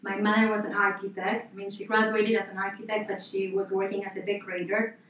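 A woman's voice: mid-range voice, level tone, fast talker, a bit bright, far from the mic, slight background noise. Argentine woman guest in an echoey room. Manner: rambling, casual, many fillers and restarts. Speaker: interior designer, guest. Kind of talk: podcast interview. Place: office.

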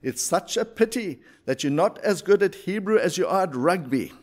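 A man's voice: sits high, animated, moderate pace, pitched above the performer's own voice. A man voicing an older, rueful rabbi with an Eastern European accent. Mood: lamenting.

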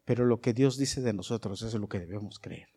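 A middle-aged male pastor, preaching a sermon that swings from soft, chatty asides to loud, rising bursts. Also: on the low side, fast, slightly rough.

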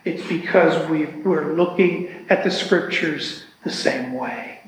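A man leading a church Bible class discussion, speaking in a slow, earnest and reflective way. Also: fairly high pitch, a little hiss or hum. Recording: echoey hall with long reverb.

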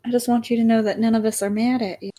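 A woman playing a tabletop role-playing game, talking in character in a soft, reassuring way. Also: a little high, flat delivery, fast. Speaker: player.

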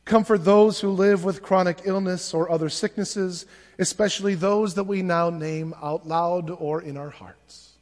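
High-pitched male pastor at a pulpit mic, slow solemn prayers, long church echo. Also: fairly even intonation, darkish tone. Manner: measured, solemn liturgical reading. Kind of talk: leading liturgical prayers. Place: church sanctuary.

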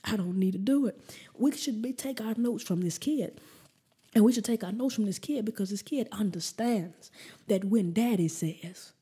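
Lady preacher, mellow husky voice, chatty and emphatic, repeats stuff. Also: medium pitch, normal speed. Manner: conversational and emphatic, with repetitions. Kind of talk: sermon.

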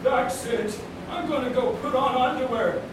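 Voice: high voice, normal speed, lightly acted. An actor playing a grumpy, foul-mouthed old man with an odd, unearthly, ghost-like voice in a comedy sketch. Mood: angry. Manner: irritable, foul-mouthed, shouting. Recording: echoey, very noisy, far from mic.

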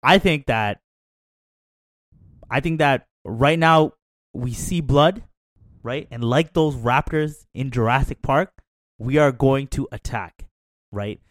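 A man's voice: medium pitch, takes it slowly, long pauses, no echo, clean studio sound. A man on a sports talk panel, speaking with confidence, trash-talking the other team and often tagging on "right?".

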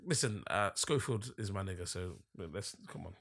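Animated young London roadman, bright voice. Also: deep voice, normal speed, vocal fry, slight background noise. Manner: animated, sweary. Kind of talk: casual group banter.

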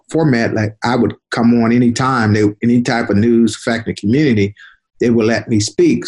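Husky-voiced older man telling stories. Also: fairly low pitch, darkish tone. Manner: unhurried, repeats words while recalling. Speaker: interview guest, retired police detective. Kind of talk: conversational storytelling.

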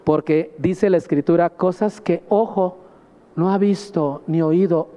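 A man delivers a sermon from the pulpit, his voice riding high for a man. He is emphatic and keeps calling the congregation "brother." The sound rings with the long reverb of a church hall. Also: steady tone, unhurried, dark tone. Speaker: pastor.

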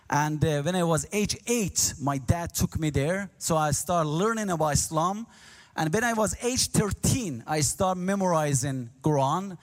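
An Azeri-speaking man from Iran near the Turkish border, invited as a guest speaker, preaches his testimony in a reverberant church hall. His voice runs on the high side; his English is earnest and halting but turns animated as the story unfolds.

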